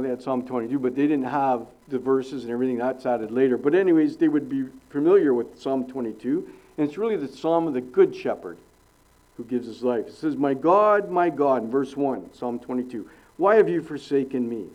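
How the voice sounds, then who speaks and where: A middle-aged man preaching an expository sermon, earnest and emphatic, swinging between sudden loud rises and hushed drops. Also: mid-range voice, animated, normal speed, muffled recording.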